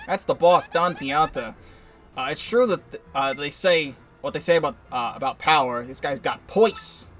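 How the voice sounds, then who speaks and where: A man's voice: on the high side, moderate pace, a bit bright, lightly acted. A gossipy townsperson confiding the latest mob rumors, as a man puts him on, close to his own voice. Faint game music plays behind. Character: chatty male townsperson, gossiping about the mob.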